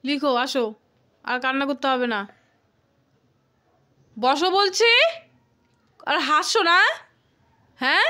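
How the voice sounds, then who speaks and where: A woman's voice: sits high, animated, takes it slowly, pauses often, pushed and bright. A young mother casually scolding and coaxing her child at home, exasperated and teasing.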